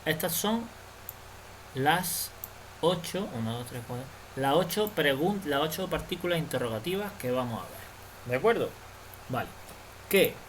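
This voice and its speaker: A man's voice: fairly high pitch, animated, a little hiss or hum, low-quality recording. A man teaching a language lesson, explaining patiently and checking understanding again and again. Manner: slow, patient explaining with frequent "vale?" checks.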